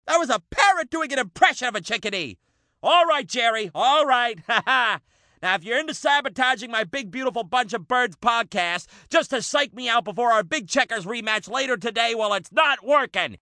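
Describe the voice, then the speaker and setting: A man voicing an excitable male dog who hosts a bird show, hammy and quick to lose his temper. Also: very high-pitched, no room sound, studio quality, heavily acted. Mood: showy. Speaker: show host. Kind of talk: cartoon voice acting.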